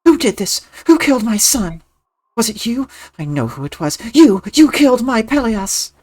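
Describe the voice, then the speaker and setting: A woman's voice: fairly high pitch, very animated, normal speed, mellow. A woman playing a grief-stricken, accusing queen mother in a video game, anguished and exclamatory. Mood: furious accusation. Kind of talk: melodramatic video game dialogue reading.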